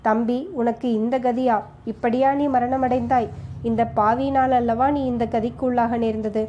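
A woman reading the lines of a stern, scheming male Buddhist monk in a storybook, in a low, grave questioning tone. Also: flat delivery, normal speed, muffled recording, slight background noise, lightly acted. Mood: grieving. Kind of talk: audiobook character reading.

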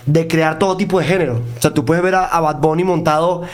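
A man's voice: fairly high pitch, steady tone, quick pace. A man with a Venezuelan accent mixed with Mexican slang, chatting informally and profanely as a singer being interviewed. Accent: Venezuelan Spanish with Mexican slang. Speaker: interview guest, singer and producer. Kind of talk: casual conversational interview.

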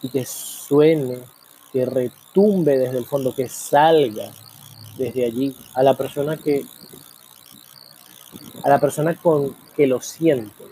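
A man hosting a program, talking in a reflective monologue full of rhetorical questions and slow, drawn-out pauses. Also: mid-range voice, mellow, slight background noise. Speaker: program host.

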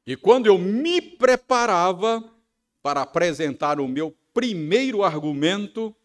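A pastor with a Brazilian Portuguese accent preaches a sermon in a high voice with lively intonation and a measured pace. He tells a personal story full of tag questions, acting out his own angry rehearsal.

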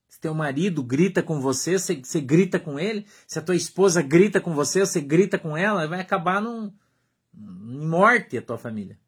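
Husky high-voiced Brazilian preacher. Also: male voice. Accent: Brazilian Portuguese. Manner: emphatic preaching, repeating short phrases, drops to a hush. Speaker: pastor. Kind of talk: sermon.

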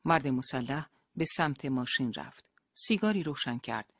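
Audiobook narrator reading a novel, steady and even, dry close mic. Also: medium pitch, dry recording.

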